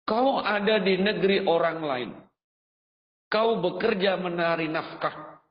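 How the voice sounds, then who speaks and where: A man's voice: sits high, takes it slowly. A man preaching a sermon as a story, acting out the figures with big swings of voice and chanted refrains. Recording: dull reverberant hall sound.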